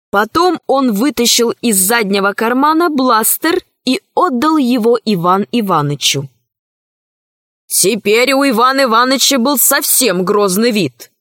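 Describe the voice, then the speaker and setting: A woman narrates a children's story in a calm, measured way. She reads slowly, in a fairly high voice, with a dry, close sound. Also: dry recording. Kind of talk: reading a children's story aloud.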